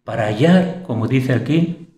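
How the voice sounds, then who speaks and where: A man's voice: mid-range voice, animated, unhurried, warm tone. A man preaching a sermon with a Spanish accent from Spain. He delivers it fervently, his voice climbing into bursts of praise. The room around him rings with a church hall's echo. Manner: fervent, rising to exclamations of praise. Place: church hall.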